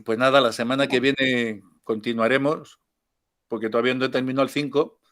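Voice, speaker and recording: An older man, teaching a spiritual class in a chatty, informal way. He tells jokes, laughs easily and drifts into asides. His pitch sits in an ordinary middle range. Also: fairly even intonation, a little fast, a bit bright.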